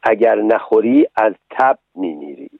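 A kind, motherly fairy, put on by a man speaks calmly and scolds gently in a storybook reading. The sound is dry and tinny, like an old radio broadcast. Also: on the low side, vocal fry, no echo. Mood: gentle.

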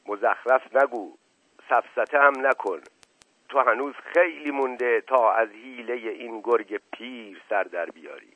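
A man's voice: medium pitch, expressive, no echo, natural voice. A man voicing a proud, paranoid older head of the family who speaks sternly and indignantly, on a tinny radio recording. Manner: stern, indignant, slow and weighty.

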